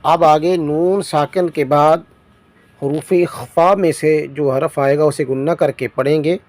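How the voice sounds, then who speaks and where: A man teaching Quran reading, spelling each syllable out slowly and then explaining the rule quickly. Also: a little high, steady tone, a little mellow. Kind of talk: Tajweed lesson, spelling out syllables.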